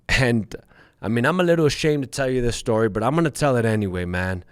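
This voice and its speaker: A man's voice: lowish voice, no echo, studio quality. A man in his thirties hosting a show, telling a personal story to his listeners in a candid, profane way and calling them guys. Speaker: podcast host.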